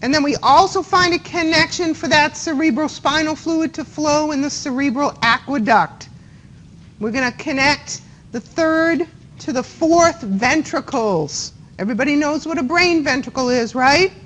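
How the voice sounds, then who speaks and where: A woman with a Boston accent lectures a class on anatomy, her voice pitched high. She keeps it chatty and stops to quiz her students. A faint hiss of classroom noise sits behind her. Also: normal speed, fairly bright tone, low-quality recording. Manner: chatty, checks in with students by asking questions. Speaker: anatomy instructor.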